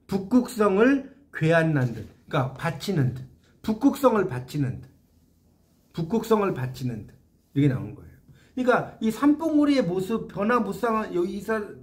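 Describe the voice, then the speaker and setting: A man with a high voice teaches a class, his pitch rising and falling in wide, lively swings. He keeps turning to the room with questions and explains each line of a classical poem in plain words. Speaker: literature lecturer. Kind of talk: classroom lecture on classical poetry.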